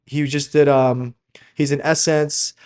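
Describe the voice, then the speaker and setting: A Slovak-speaking man, originally from Slovakia and raised in Canada from early childhood, coaches in a motivational sales video as a fashion brand founder. He's emphatic and informal, keeps checking in with tag questions, and addresses everyone as "guys." His fairly high, darkish, clean voice has little pitch movement, at a measured pace.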